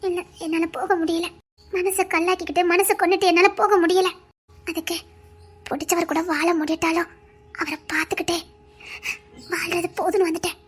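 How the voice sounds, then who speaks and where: A young foreign girl, played by a woman, pleads in a very high, soft voice. Her tone is tearful and earnest, begging not to be scolded or sent away. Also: level tone, normal speed, pauses often. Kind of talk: amateur romance drama acting.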